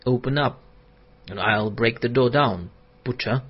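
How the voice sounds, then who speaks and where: A man voicing an agitated male asylum patient who shouts indignantly and hoarsely. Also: mid-range voice, a little slow. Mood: furious. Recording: dull lo-fi audiobook recording.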